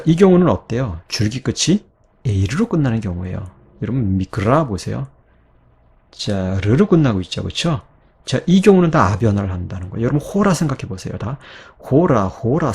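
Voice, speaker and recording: A man teaching a recorded grammar lecture, reading word forms aloud slowly and patiently checking that listeners follow along. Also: lowish voice, darkish tone, husky. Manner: patient, coaxing, checks understanding with "자" and "그쵸?".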